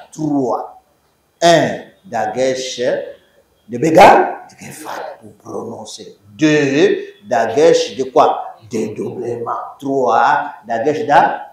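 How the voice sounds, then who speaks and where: Teacher, slow and very animated, quizzes his class, recorded from afar in an echoey room. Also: on the high side. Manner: emphatic, repeats words and quizzes students. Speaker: Hebrew teacher. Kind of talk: university lecture. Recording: echoey room, distant mic.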